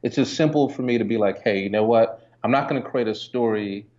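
Fairly low-pitched and a little fast, this Jamaican entrepreneur-photographer chats casually during an interview, relaxed and conversational with frequent fillers. Dull lo-fi recording.

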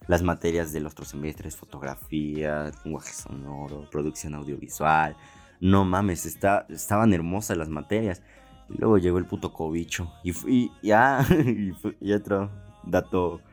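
A man's voice: low voice, a little mellow. A young man with a Mexican accent telling a funny story in casual, slangy talk, swearing and laughing often. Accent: Mexican Spanish. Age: young adult. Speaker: podcast host.

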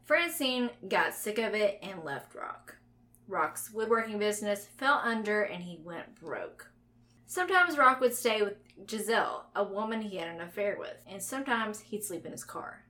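A woman's voice: medium pitch, expressive, sharp tone. A woman co-hosting a casual true-crime podcast, narrating the story and bantering with a playful manner. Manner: playful, quick to laugh and banter. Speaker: podcast co-host.

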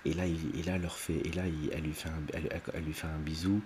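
A man with an extremely deep voice recaps a film for his video audience, loose and unscripted, stumbling through fillers and restarts. Now and then he jumps up in pitch to act out a character's line. A faint hiss runs under the recording. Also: level tone, racing, a little mellow. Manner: rambling, many fillers and restarts; briefly acts out lines in raised voices. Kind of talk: unedited casual retelling.

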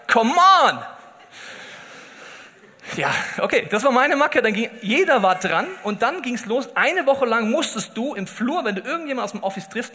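A man preaching a humorous sermon. He tells stories in a lively way and acts out the quoted lines. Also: high-pitched. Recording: long hall reverb.

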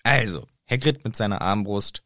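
Mann in lockerer Nacherzählung. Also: male voice, lowish voice, normal speed, pushed and bright, dry recording, clean studio sound. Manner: playful, acts out quotes. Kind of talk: casual chat, retelling a story.

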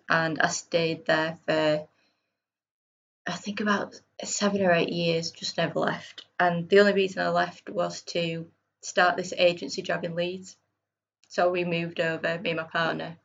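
Female podcast guest, Bradford accent, creaky and a little husky, informal, self-deprecating, slightly lo-fi sound. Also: fairly low pitch. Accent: Bradford, West Yorkshire. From Bradford, northern England. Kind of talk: casual conversational interview.

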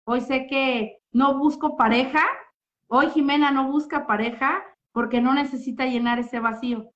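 In muffled, lo-fi audio, a woman shares a heartfelt testimony about her therapy as a guest. Her high voice moves at a moderate pace with fairly even intonation, yet she speaks expressively and keeps checking in with tag questions.

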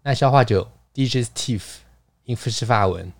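A man's voice: mid-range voice, moderate pace, creaky, no echo. A man hosting a casual podcast, playful and chatty, explaining words at length with frequent laughs. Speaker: podcast host. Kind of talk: casual chat.

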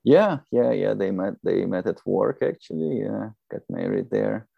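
A man in his thirties from Belarus with a Belarusian accent, a non-native English speaker chatting as a podcast guest in a halting, rambling way. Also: on the low side, lively intonation, vocal fry, husky, dry recording, dull audio. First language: not English. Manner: halting, rambling, often saying "you know". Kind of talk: casual conversational interview.

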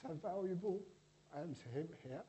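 A man delivers a loose, conversational sermon, joking with the congregation and stumbling through restarts. His voice sits a little high for a man but sounds mellow and warm. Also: animated, moderate pace, slight background noise. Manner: chatty and joking, with frequent restarts. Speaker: preacher. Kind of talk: informal church sermon.

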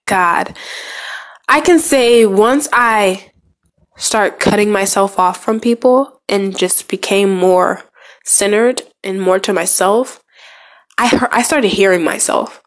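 Young woman, stuffy and congested, halting motivational talk with lots of fillers, mid-pitched. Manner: halting, many fillers and restarts. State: stuffy nose from a cold. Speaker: speaker sharing goals.

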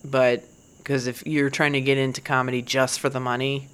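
A woman's voice: a bass voice, level tone, normal speed, smooth. A woman comedian in her forties, talking in a candid, profane casual monologue and laughing now and then. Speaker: stand-up comedian.

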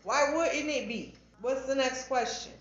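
A woman's voice: high-pitched, a little slow, slight background noise. A woman co-hosting a casual podcast, blunt and insistent, driving her points with rhetorical questions. Her voice rings in a strongly echoing room. The sound is dull and lo-fi. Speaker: podcast co-host. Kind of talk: casual chat. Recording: very echoey, dull podcast audio.

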